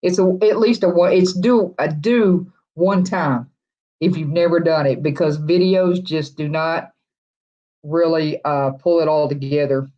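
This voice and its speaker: This livestream host has a friendly drawl, rambling casually while reading and replying to viewer comments. The mellow, middling voice keeps fairly even intonation at a measured pace, broken by frequent chuckles and restarts. The audio is dull lo-fi.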